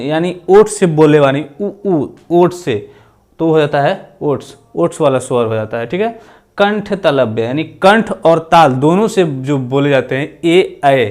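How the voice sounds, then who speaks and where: A man's voice: on the high side, darkish tone. A man teaching grammar for exam preparation, explaining step by step, repeating points and sounding out vowels as examples. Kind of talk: exam-prep lecture.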